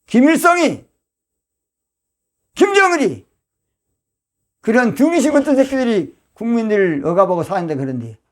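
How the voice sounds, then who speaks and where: An older man, a pastor from Yeosu with a Jeolla accent, preaching a fiery, emphatic sermon that breaks into sudden loud outbursts. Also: high voice, sing-song, fast talker, few pauses. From Yeosu, Jeolla province, South Korea.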